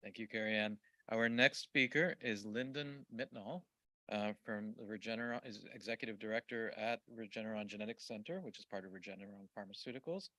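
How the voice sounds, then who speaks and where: Man, session chair, bright tense voice, lowish pitch, brief formal intro. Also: fairly quick, dry recording, poor audio. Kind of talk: introducing speakers.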